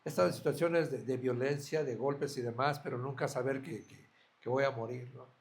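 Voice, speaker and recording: A man's voice: mid-range voice, fairly even intonation, a little fast, creaky. A man preaching a sermon as a pastor, earnest, asking his listeners direct questions.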